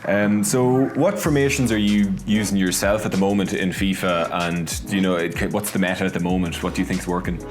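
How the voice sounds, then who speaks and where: A man's voice: low voice, steady tone, brisk, hardly any pauses, over music. A man with an Irish accent, hosting a casual interview and putting questions in a conversational way. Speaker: interviewer, host.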